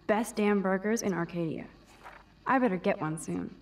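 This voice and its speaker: Woman doing a shy teen girl muttering to herself in a game, mid pitch, kinda far off, soft music behind. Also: moderate pace, lightly acted. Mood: wistful. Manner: wistful, musing to herself. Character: shy 18-year-old girl, photography student. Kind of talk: video game inner monologue.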